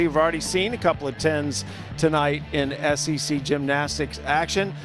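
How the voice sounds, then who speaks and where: A man hosting a live TV sports broadcast with play-by-play style commentary. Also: on the high side.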